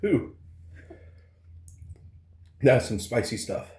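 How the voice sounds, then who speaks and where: A man's voice: medium pitch, big pitch swings, drawn-out words, a little mellow. A man talking casually to viewers in an eating challenge vlog. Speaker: food challenge vlogger. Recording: roomy, echoing indoor sound.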